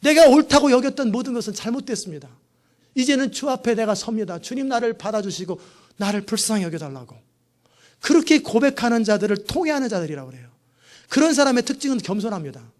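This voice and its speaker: A middle-aged man preaching a sermon, emphatic, swinging from hushed prayerful tones to loud scolding of his listeners. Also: extremely high pitch, lively intonation, fast. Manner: scolds inattentive listeners directly. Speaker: pastor.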